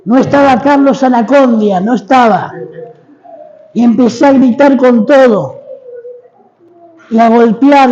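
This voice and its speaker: A middle-aged Argentine man delivers a sermon as a personal testimony in a high, dark-toned voice. He speaks slowly and dramatically, pausing to have the congregation repeat after him. The sound is dull and lo-fi, with a long reverb from the church hall. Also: a little hiss or hum. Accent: Argentine Spanish. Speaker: guest preacher.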